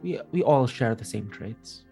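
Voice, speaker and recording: A sinister spider crime lord, voiced by a man running a tabletop game, calm and deliberate. He measures out his phrases at a middle male pitch, with music playing faintly behind. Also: gravelly, breathy edge, heavily acted. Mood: calm, knowing.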